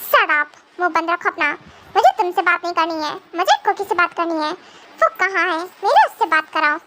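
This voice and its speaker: A woman's voice: very high-pitched, lively intonation, fairly quick, heavy background noise. A young woman playing a bossy mafia husband. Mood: scolding. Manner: scolding, stern. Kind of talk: amateur fan audio drama.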